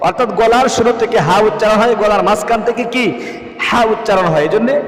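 Earnest high-voiced man in an echoing room. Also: quick pace. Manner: earnest, coaxing, repeats phrases word by word. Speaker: religious teacher. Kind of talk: prayer recitation lesson. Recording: roomy echo with long reverb.

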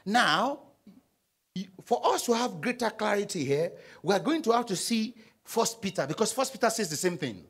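A young Nigerian pastor preaching from a church stage, his fairly high voice leaping up and down as he calls out to the congregation. The tone is a bit husky, and he swings between loud stressed lines and quiet asides while pacing with a handheld mic. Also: lively intonation, moderate pace. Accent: Nigerian English. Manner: call-and-response preaching, prompting the congregation to read aloud. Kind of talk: sermon. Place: large church auditorium stage.

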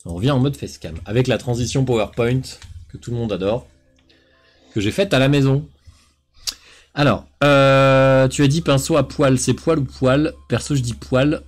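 Over a headset mic, a man in his 30s from south-east France casually rambles with plenty of fillers during a live cooking stream in his home kitchen and small room. A faint southern French accent colors his medium-pitched voice, which moves at a normal speed, and faint music plays behind him.

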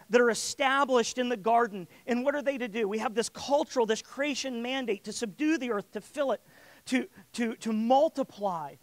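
Man preacher, high voice, dry close sound, sermon delivery that swells in emphasis and repeats words at times. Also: a bit bright, no echo. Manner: builds in volume and emphasis on key lines; repeats words while searching for phrasing.

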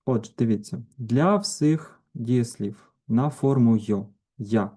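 A man with a dark, mellow voice gives a grammar lesson at a very slow, unhurried pace. He sets out each verb form on its own and pauses carefully before moving to the next. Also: medium pitch. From Ukraine. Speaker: language teacher. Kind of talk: grammar lesson with conjugation drills.

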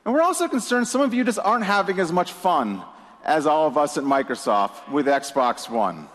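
A man delivers an upbeat keynote in a large conference hall, and the recording carries the hall's reverberation along with the audience. His voice is fairly high and bright, animated, and paced at a normal speed. He speaks emphatically, dropping in a few "you know" fillers.

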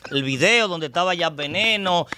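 Bright-voiced Dominican storyteller. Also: male voice, sits high, moderate pace, a little hiss or hum. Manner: lively, acts out scenes and voices. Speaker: pop culture expert guest. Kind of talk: anecdotal storytelling on a podcast. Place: podcast studio booth.

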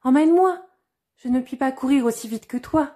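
A woman voicing a pleading, insistent little frog at a well in a fairy-tale reading, calling out high and loud. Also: fairly even intonation, a little fast, lightly acted. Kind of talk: storybook reading.

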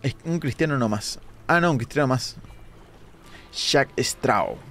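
Lively in intonation and fairly bright in tone, a young Argentine man's mid-range voice carries over slight background noise. He's live-streaming a game late at night in a Rioplatense accent, chatty, reading viewers' comments aloud and adding quick asides.

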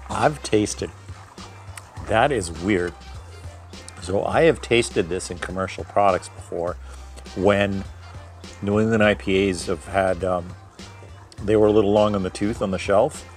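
A man's voice: sits low, measured pace, pauses often, faint music behind. A man reviewing his own home-brewed beer in a casual tasting video, thinking aloud and correcting himself as he goes. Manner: describes aromas and flavors in detail.

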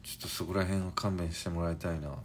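Languid low-voiced man in his forties. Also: level tone, a little hiss or hum. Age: 40s. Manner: languid, drowsy-sounding, unhurried. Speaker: Instagram live streamer. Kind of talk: casual live-stream chat reading comments.

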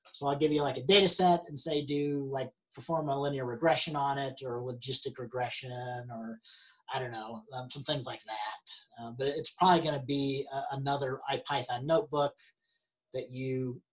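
A man instructor talks through an online help session at a middle pitch. He stumbles and restarts often, filling gaps with ums. His voice is wearing out. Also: fairly even intonation, fairly bright tone. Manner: halting, many fillers and restarts. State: losing his voice. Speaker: university instructor.

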